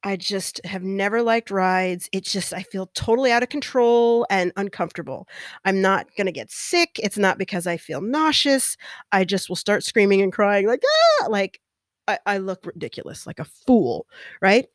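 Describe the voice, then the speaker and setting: A young adult woman from California with a chatty, animated manner, stretching words and dipping into whispers. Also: medium pitch, moderate pace, no room sound, studio quality. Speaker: host. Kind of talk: casual monologue.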